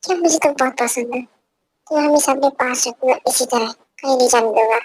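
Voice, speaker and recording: A woman's voice: high voice, normal speed, husky, dry recording. A young woman voicing a possessive, domineering young husband who gives orders in an amateur fan dub. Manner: commanding, repeats orders.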